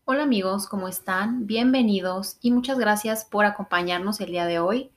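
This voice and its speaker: A woman's voice: mid-range voice, moderate pace. A young adult woman with a Mexican accent, co-hosting a podcast in a chatty, informal, playful way. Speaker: podcast co-host. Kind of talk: casual chat.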